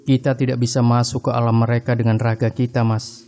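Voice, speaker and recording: A man voicing a calm male religious cleric in a horror story, speaking in a measured, instructive way. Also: mid-range voice, slight background noise, lightly acted. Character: calm male Islamic boarding school cleric.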